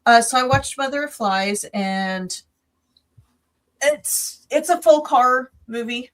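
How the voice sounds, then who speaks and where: A woman's voice: high-pitched, animated, takes it slowly, fairly bright tone. A woman co-hosting a podcast in casual chat, rambling through a film plot with many restarts, tired and yawning from recording late at night. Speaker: podcast co-host.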